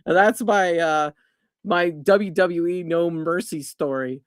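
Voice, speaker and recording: A man's voice: a little high, slow, clean tone, dry recording, studio quality. A middle-aged man hosting a casual game chat stream, rambling and correcting himself with frequent chuckles.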